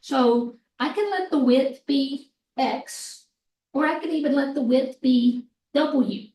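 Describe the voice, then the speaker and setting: A woman math instructor with a hoarse voice, explaining a problem slowly step by step in a recorded lecture. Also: high voice, darkish tone, a little hiss or hum. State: hoarse, clearing throat. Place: classroom. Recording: echoey room, mic far off.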